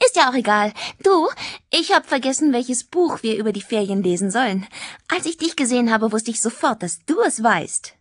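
A chatty, excitable teenage schoolgirl from a storybook gushes along breathlessly, voiced well above the reader's usual pitch by a woman reading aloud. Her lively voice swings up and down, and it sounds close and dry. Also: normal speed, no echo. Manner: breathless and gushing.

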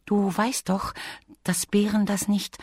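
A tiny, sensible female bee from a children's storybook, patient and gently doubtful, as a reader puts her on. Her voice is lifted high and slightly breathy, and she speaks slowly and kindly. The sound is dry and close. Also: level tone, no echo. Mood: explaining. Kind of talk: storybook read-aloud.

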